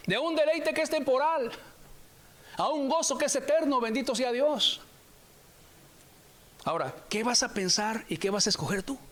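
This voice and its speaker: A man preaching a sermon, emphatic and repetitive, drawing key phrases out slowly. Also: extremely high pitch, a bit bright.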